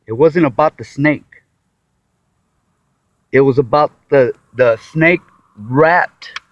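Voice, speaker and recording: A weary man talks slowly through his thoughts on scripture, drifting and circling back with sighs and restarts. His voice sits in a middling register and comes across dull and muffled, dry with no room sound. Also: mid-range voice, no room sound. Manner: meandering, with sighs, restarts and acted-out quotes. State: tired. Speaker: self-taught Bible commentator. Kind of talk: casual rambling Bible talk to camera.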